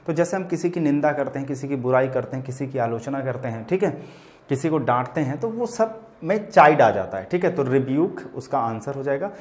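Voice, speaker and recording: Guy teaching english words in hindi, keeps saying theek hai, drags out the examples slow. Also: mid-range voice, a little mellow. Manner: addresses students as bachelors "bachche", repeats "theek hai" often; stretches out words and example sentences slowly. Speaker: vocabulary teacher. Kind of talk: classroom vocabulary lesson.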